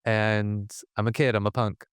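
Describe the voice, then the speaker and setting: A man's voice: on the low side, level tone, moderate pace, clean tone, no room sound. A man who is a spiritual teacher, telling a personal story in a rambling way, often breaking off his sentences and laughing.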